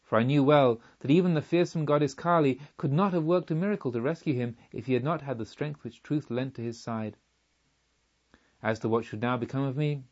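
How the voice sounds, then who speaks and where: A man of middle pitch reads an audiobook in a measured, somber way, letting dramatic scenes unfold evenly. The recording has a slightly dull, lo-fi tone. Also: darkish tone. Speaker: audiobook reader. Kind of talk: audiobook narration.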